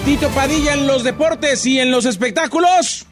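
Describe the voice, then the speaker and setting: Woman radio co-host reading quick entertainment headlines, high voice. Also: music in the background. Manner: brisk news headlines mixed with joking. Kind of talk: comic morning radio banter.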